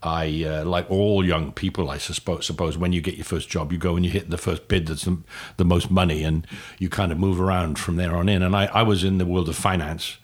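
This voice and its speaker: An older man from Wales answering interview questions in a halting way, with many restarts and fillers. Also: low-pitched, fairly even intonation. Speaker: guest.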